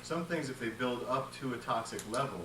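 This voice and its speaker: A male massage instructor teaches in a playful, joking way, his voice caught from across an echoey classroom. Steady hiss and room noise sit under every word. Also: medium pitch, a little fast, far from the mic. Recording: roomy classroom taped from afar, noisy.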